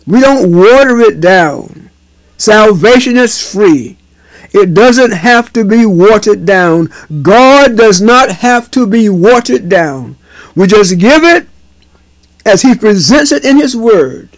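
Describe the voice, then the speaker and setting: Slow, high-voiced emphatic preacher man. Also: lively intonation, no room sound, rough recording. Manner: slow, emphatic, repeats phrases. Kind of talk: sermon.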